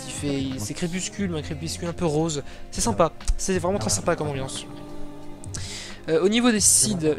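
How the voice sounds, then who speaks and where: Chatty French man narrating gameplay. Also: on the high side. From France. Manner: chatty, rambling, many fillers and self-corrections. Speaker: flight sim video host. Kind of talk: casual gameplay commentary. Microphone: desktop microphone.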